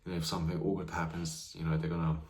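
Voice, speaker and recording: Talking very fast and flatly, a low-voiced nineteen-year-old vlogger rambles about his life to the camera. The room is echoey and there's a little hiss or hum, and his casual talk is thick with "you know."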